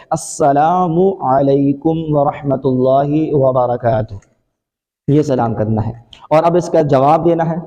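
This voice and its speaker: Male preacher, mellow high-ish voice, slow deliberate sermon, long hall echo. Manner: measured, drawn-out emphasis with Arabic recitation. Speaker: mufti preacher. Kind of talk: religious sermon.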